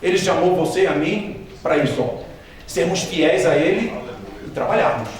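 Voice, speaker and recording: A man's voice: a little high, moderate pace, a little hiss or hum. A man, a missionary giving a church training talk with humorous anecdotes, joking and asking the audience questions directly. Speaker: missionary speaker. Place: large hall with a live audience. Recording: echoey hall from far off, audience audible.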